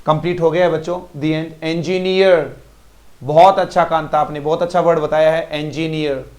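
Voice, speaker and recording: A man's voice: on the high side, steady tone, normal speed, a little mellow. A man teaching English pronunciation in a live online class with an Indian English accent, repeating each word and praising students by name.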